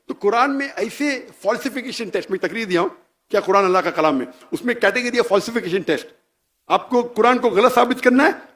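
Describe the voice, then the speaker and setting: A man giving a public religious talk, emphatic and challenging, firing off rhetorical questions and dropping in English phrases. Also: high-pitched. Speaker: Islamic preacher.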